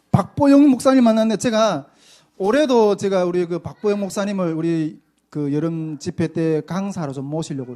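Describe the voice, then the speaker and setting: A male pastor preaches a personal testimony sermon. His voice sits high, and he presses hard on some phrases and drops to near a hush on others. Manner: emphatic, swings between loud and soft.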